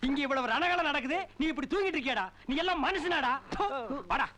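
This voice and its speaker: A shrill, sarcastic scolding uncle. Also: male voice, lively intonation, sharp tone, slight background noise, exaggerated voice. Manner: sarcastic, quick insults. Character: sharp-tongued scolding middle-aged uncle. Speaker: film comedian. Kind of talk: film comedy dialogue.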